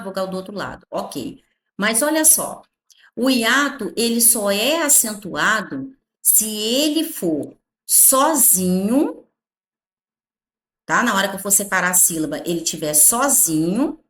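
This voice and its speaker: A Brazilian woman teacher explaining grammar in an animated way, stretching her words and checking in with the class often. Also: medium pitch, echoey room. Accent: Brazilian Portuguese.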